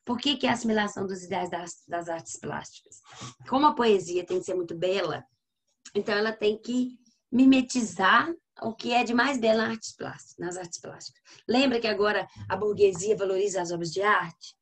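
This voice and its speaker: Brazilian woman teaching literature. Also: medium pitch. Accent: Brazilian Portuguese. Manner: explanatory, asks students checking questions; reads poems aloud slowly. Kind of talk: classroom lecture over slides.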